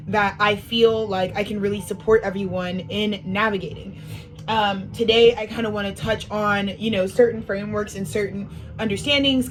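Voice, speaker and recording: A woman with a mid-range voice rambles through a casual spiritual monologue as an astrology speaker. She sounds a little sniffly, uses lots of fillers, and swears freely.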